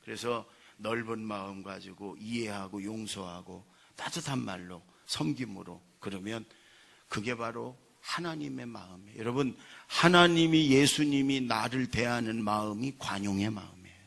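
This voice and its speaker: A male pastor preaching a sermon in church, telling stories with acted-out quotes and building to loud emphasis. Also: fairly low pitch, normal speed, creaky. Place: church sanctuary.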